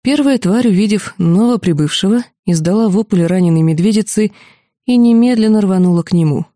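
A woman narrating an audiobook in a lively, expressive first-person reading. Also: medium pitch, fairly quick, dry recording, studio quality. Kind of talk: scripted narration.

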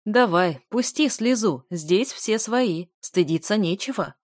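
A woman's voice: mid-range voice, lively intonation, slow pace, no room sound, studio quality. Woman doing a sneering young aristocrat. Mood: mocking. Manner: jeering, taunting. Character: sneering young aristocrat man, cruel mocking bully.

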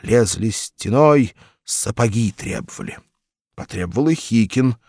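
A man narrating a humorous story as an audiobook reader, expressive and unhurried. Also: lowish voice, no echo, studio quality.

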